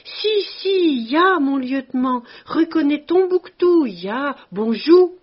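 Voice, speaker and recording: A woman voicing a huge, jovial male ex-soldier who shouts in broken French and roars with laughter, on a dull lo-fi recording. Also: high voice, expressive, slow, pitched above the performer's own voice. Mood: exuberant.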